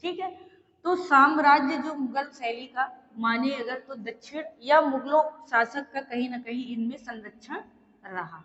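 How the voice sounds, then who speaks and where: A woman teacher giving a slow, repetitive exam-prep lecture, pausing often to check that her students are following. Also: high voice, fairly bright tone, in a large hall, highs cut off.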